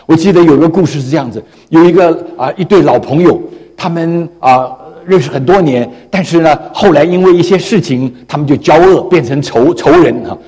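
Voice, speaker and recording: Male pastor, animated storyteller, husky voice. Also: fairly high pitch, brisk, in a large hall. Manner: storytelling, animated, frequent tag particles. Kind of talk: sermon.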